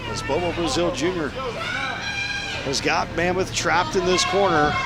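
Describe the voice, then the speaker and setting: A man's voice: high voice, animated, takes it slowly, a loud crowd, very noisy. A man calling live wrestling action as the play-by-play commentator, emphatic and speaking in short bursts. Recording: loud music behind commentary.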